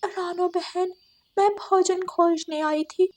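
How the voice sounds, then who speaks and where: A woman's voice: very high voice, steady tone, slow, darkish tone. A woman voicing a wailing widowed young crow. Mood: sad, meek. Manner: tearful, pleading wail.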